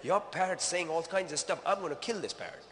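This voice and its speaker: A man's voice: high voice, fairly quick, close to an everyday voice. A man voicing an angry, indignant woman in a told story, threatening and fed up, in a reverberant hall. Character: angry woman insulted by a parrot.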